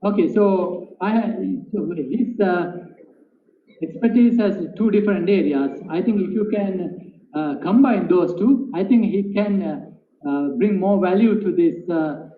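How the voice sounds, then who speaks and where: A man's voice: high voice, a little slow. A man giving a guest lecture on a webinar and answering audience questions, explaining patiently and checking in with tag questions. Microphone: video call. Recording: tinny call audio with room echo.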